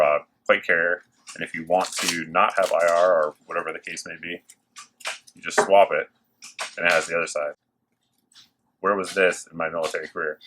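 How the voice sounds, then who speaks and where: A man with a very low voice presents gear to viewers like an excited, informal video host. He talks casually and keeps it chatty. Factory machines hum faintly behind him as he talks. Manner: enthusiastic, informal. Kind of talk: casual product showcase to camera. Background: working machines and clicks.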